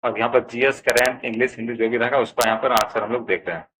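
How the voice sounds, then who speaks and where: A man's voice: mid-range voice, fast, a little hiss or hum, low-quality recording. A man with a Bihari Hindi accent teaching an exam answer key, calling his viewers friends and explaining each option in turn. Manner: addresses viewers as friends, steady explanatory pace. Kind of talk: answer key walkthrough lesson.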